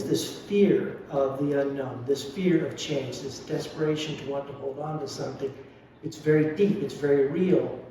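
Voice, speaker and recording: Speaking with a fairly high, warm voice, a lay Buddhist man gives a dharma talk that is reflective and confessional, laced with wry humor. The mic sits at a distance in a very echoey hall, with slight background noise.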